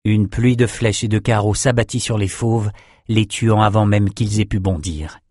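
A man reading a fantasy audiobook in a steady, measured storytelling voice. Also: lowish voice, dry recording, studio quality. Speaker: audiobook narrator. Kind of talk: scripted narration.

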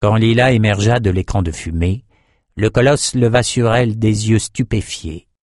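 Low-pitched male narrator, steady measured reading, dry close-miked studio sound. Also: dry recording. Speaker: audiobook narrator. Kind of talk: scripted narration.

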